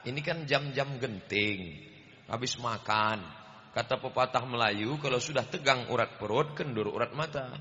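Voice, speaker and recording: A man preaching a lively, joking sermon in a mosque, speaking loudly and booming into a microphone. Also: moderate pace, big-room sound, muffled recording. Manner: loud, booming delivery. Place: large mosque with overflow crowd outside.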